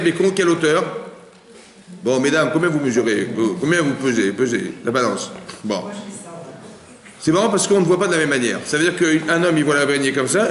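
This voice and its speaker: Man teaching in an echoing synagogue hall. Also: fairly high pitch. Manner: lively, full of rhetorical questions to the audience. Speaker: rabbi teaching a class. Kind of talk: religious lesson to a live group. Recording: echoey hall with long reverb.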